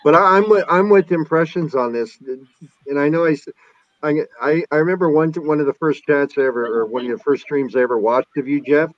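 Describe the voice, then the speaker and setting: A man's voice: fairly high pitch, brisk, no echo. Joking man hosting a stream, muffled mic. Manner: joking, rambling. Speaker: host of a DJ stream. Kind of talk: casual chat.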